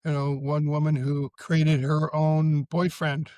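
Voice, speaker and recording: A man guest talking thoughtfully and measuredly in a casual podcast conversation, slowing down on key points. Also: on the high side, flat delivery, a little mellow, no room sound. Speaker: psychotherapist guest.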